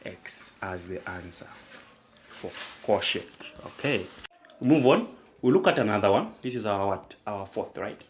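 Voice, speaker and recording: A man's voice: on the low side, animated, slight background noise. A man tutoring math, explaining step by step and asking himself questions that he then answers. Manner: asks and answers his own questions; slow, repetitive, deliberate explanation. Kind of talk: whiteboard math lesson.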